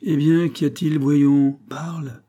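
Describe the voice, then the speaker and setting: A man putting on a shrill, scolding old spinster aunt. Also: fairly even intonation, slow. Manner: sharp, accusing, sermonizing.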